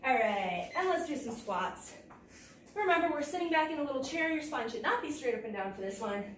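A young woman with a high, expressive voice briskly directs a kickboxing workout, physically straining as she snaps out clipped cues. The sound, from a camera across a large matted martial arts gym, is distant, echoey, and noisy.

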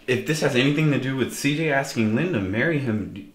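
An actor playing a suspicious, anxious young boyfriend in a comedy web series, halting and repeating himself. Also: male voice, medium pitch, lively intonation, a little hiss or hum, natural voice. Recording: long room reverb, music behind.

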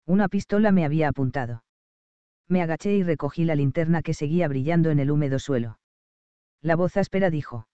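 A man reading a first-person detective story aloud, in a steady, deadpan narration. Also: on the high side, smooth, no echo, highs cut off. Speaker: reader.

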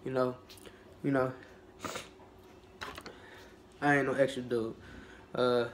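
A man's voice: slow, slight background noise. Laid-back young man rambling with a cold. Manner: rambling, relaxed, many fillers and restarts; low-energy, laid-back. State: has a cold. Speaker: YouTuber. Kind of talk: casual mukbang vlog talk.

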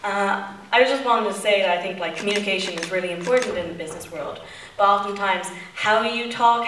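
A woman's voice: lowish voice, fairly bright tone, far from the mic, slight background noise. A young woman from the audience politely asking the panel a question, a little hesitant. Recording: roomy hall, voice from the mic.

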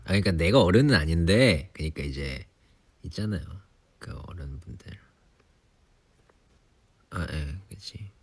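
A young man in his twenties, relaxed and chatty on a sleepy late-night livestream, teasing himself for nagging like an elder. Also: low voice, unhurried, pauses often, slightly rough. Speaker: idol livestream host. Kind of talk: casual livestream chat. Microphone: phone or device mic, voice-only live.

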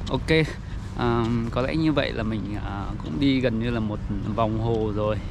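A man with a medium-pitched voice chats casually as he walks through a town as a travel vlogger. His delivery is halting as he searches for words. Loud street and vehicle noise runs behind him. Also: creaky. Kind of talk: casual walking-tour commentary. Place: outdoors, walking through a town.

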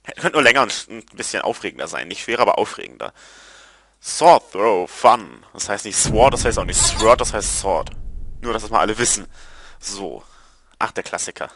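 Male let's player, lively swings in pitch, crisp bright voice, casual commentary with frequent outbursts and swearing. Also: normal speed. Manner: excitable, yelps and groans at failures; curses casually.

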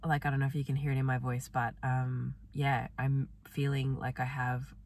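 A woman vlogger talking softly and gently in a reflective personal diary, her voice affected by a sore, swollen throat. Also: rumbling low, flat delivery, moderate pace, recorded from a distance, slight background noise. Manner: soft, gentle, meandering, with many fillers.

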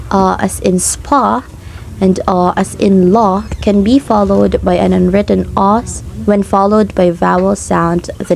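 A young woman, a student reading a class presentation in a steady, explanatory way and slowing down to sound out example words. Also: medium pitch, vocal fry, slight background noise. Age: young adult.

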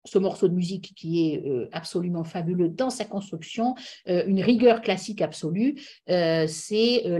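Over a video call, a middle-aged woman lectures online about song lyrics in a digressive way, full of hesitations and fillers. Her voice is on the low side, mellow and slightly rough.

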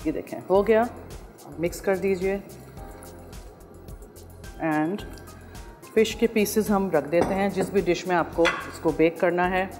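A woman's voice: fairly low pitch, fairly even intonation. Middle-aged woman chef demonstrating a recipe. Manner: brisk, instructive, switching between languages. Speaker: cooking show chef. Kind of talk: cooking demonstration in mixed Urdu and English. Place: TV studio kitchen set. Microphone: lapel. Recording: roomy studio with faint music.

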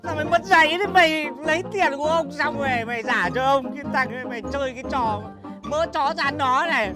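A man's voice: high voice, lively intonation, a little fast, music in the background. A man playing a grumbling middle-aged motorbike-taxi driver who wails complaints and curses.

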